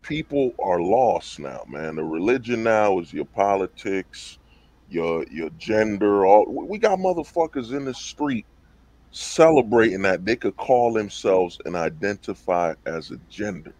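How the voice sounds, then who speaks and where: A man's voice: on the low side, expressive, measured pace, darkish tone, no echo. A man on a livestream panel talking casually and emphatically, full of slang and rhetorical questions over a call mic. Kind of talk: casual debate talk.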